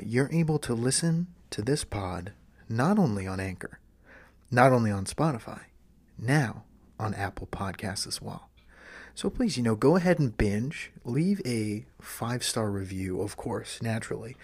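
A man hosting a casual solo podcast, playful and mock-sultry, talking close into the microphone right in the listener's ear and often dropping to a breathy whisper. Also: mid-range voice. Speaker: podcast host. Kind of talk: casual chat podcast monologue.

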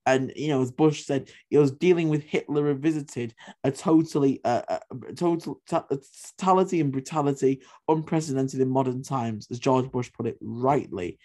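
A man's voice: mid-range voice, fairly even intonation, normal speed, dark tone. A man hosting a history podcast, talking in an emphatic, opinionated way, repeating points for stress and swearing casually. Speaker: podcast host.

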